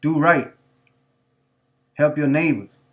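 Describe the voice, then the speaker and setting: A man's voice: on the high side, slow pace. A man hosting a live stream, talking off the cuff in a preachy, repetitive, street-talking way. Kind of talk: unscripted monologue.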